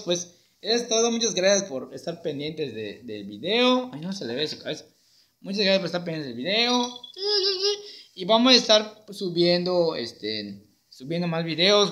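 A man's voice: high-pitched, pushed and bright. Playful chatty male teacher. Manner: playful, chatty, laughs easily. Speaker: schoolteacher. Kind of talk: casual chat with a puppet.

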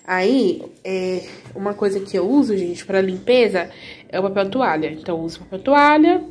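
A woman's voice: medium pitch, animated, normal speed, darkish tone, slight background noise. A woman chatting casually to her viewers while she cleans her home, filming on a handheld phone. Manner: chatty, addresses viewers as "gente". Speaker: vlogger. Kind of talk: casual vlog chat.

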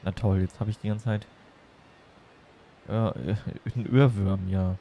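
A man from Germany livestreams a game, chatting casually and playfully as he rambles from one topic to another. His voice is lowish and steady, slow, with vocal fry. The recording is muffled and carries a little hiss or hum.

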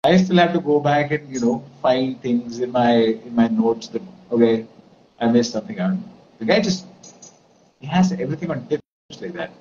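Casting: male streamer in his twenties, Indian accent, rambling casual chat, mid-pitched voice, background noise. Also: lively intonation, moderate pace, darkish tone. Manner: rambling, switches between English and Hindi. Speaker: live stream host. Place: indoors, plain-walled room. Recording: dull lo-fi stream with clear noise.

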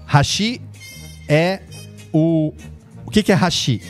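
A man's voice: a little high, expressive, a little fast, a little mellow, faint music behind. A man on a casual podcast, eagerly explaining and sounding out foreign words. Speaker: podcast guest.

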